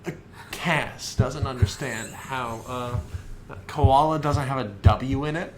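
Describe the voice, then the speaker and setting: A man, co-hosting a casual podcast chat, slow and hesitant with many fillers. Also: mid-range voice, slight background noise. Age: 20s. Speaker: podcast co-host.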